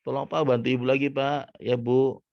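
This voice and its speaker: A man's voice: mid-range voice, flat delivery, moderate pace, gravelly, no echo, voice pushed up, close to an everyday voice. A man voicing a busy village mother who calls out orders insistently. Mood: bossy. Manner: calling out, insistent. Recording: dull, muffled sound.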